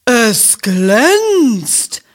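Woman doing a sniffy, slow-chewing storybook cow, heavy and drawn out. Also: on the high side, sing-song, voice pushed up, exaggerated voice. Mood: scornful. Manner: slow, smacking, scornful. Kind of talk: storybook reading.

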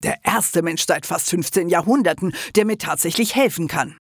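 A man's voice: high-pitched, moderate pace, husky, no echo, studio quality. A man voicing an ancient, smug male wizard hologram who talks down to people in a lecturing way, in an audiobook. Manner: condescending, lecturing.

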